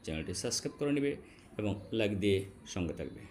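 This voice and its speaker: A man teaching English vowel sounds to students, addressing them directly, slowly spelling out letters and repeating key sounds. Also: fairly low pitch, sing-song, a little mellow, slight background noise. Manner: slow, drawn-out spelling of letters. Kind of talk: classroom-style phonetics lesson.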